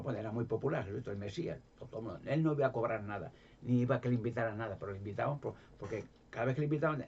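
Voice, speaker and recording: A man's voice: medium pitch, husky, highs cut off. A man from Spain with a Spanish accent, preaching informally and retelling Bible stories, rambling with many restarts. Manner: rambling, many restarts, acts out quoted voices.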